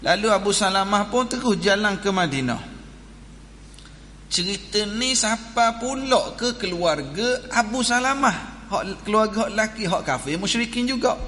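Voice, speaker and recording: A male preacher with a Kelantan Malay accent tells a story in a lively way and jokes with the congregation. His voice sits fairly high. Long reverb from the mosque hall trails every phrase, over a faint room hum. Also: measured pace. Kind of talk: Friday religious talk.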